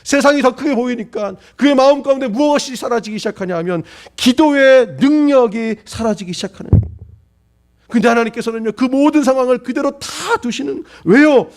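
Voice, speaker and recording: High-voiced male pastor preaching dramatically. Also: a little fast. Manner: preaching with dramatic acted-out pleas and questions. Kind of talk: sermon.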